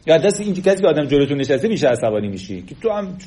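A man giving a lecture, talking directly to the audience and acting out the things people say. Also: on the high side. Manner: animated, acts out quoted speech.

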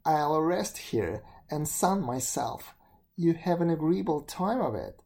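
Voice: mid-range voice, big pitch swings, a little slow, vocal fry, warm tone, full character voice. A reader voicing a carefree, teasing fly in a storybook reading. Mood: breezy.

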